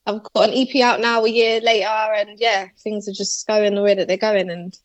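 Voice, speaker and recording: A woman's voice: mid-range voice, brisk, dry recording. Laid-back woman rapper, laughing. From born in Malawi, raised in England. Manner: relaxed, laughs often, slangy. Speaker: rapper guest. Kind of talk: casual interview chat.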